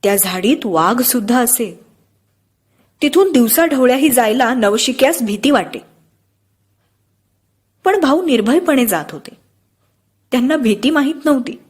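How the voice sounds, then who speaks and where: A woman reads an audiobook aloud in a slightly high, husky voice. She tells the story steadily, with expression. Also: animated, measured pace, pauses often. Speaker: audiobook narrator. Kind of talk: audiobook narration.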